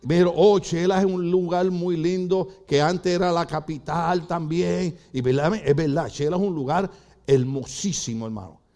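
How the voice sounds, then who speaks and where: A man's voice: a little high, moderate pace. An older Puerto Rican man preaching a sermon in church, telling comic stories and acting out voices. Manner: animated, comic storytelling with acted-out voices.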